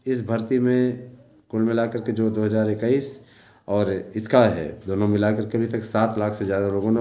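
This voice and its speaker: Guy talking to his followers, repeats himself and urges them on, soft mellow tone, roomy echo. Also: fairly low pitch. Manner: repetitive, exhorting, with frequent check-in tags. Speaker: teacher and online news presenter. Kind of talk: informal monologue addressed to followers. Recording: echoey room sound.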